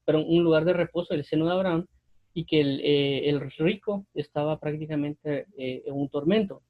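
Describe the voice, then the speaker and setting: A man giving an unscripted Bible commentary, pausing often with fillers and restarts as he explains a passage. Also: fairly high pitch, highs cut off. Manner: hesitant, many fillers and restarts. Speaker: Bible teacher.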